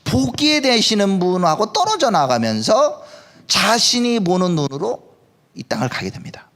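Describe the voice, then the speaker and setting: A man's voice: sits high, big pitch swings, normal speed, fairly bright tone. A male pastor preaching a sermon at a live service in a worship hall, in a conversational way, often putting questions to the congregation.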